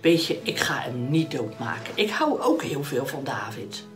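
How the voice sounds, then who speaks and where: A woman putting on a low, subdued old king. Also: sing-song, moderate pace, far from the mic, faint music behind. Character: moody older king, man.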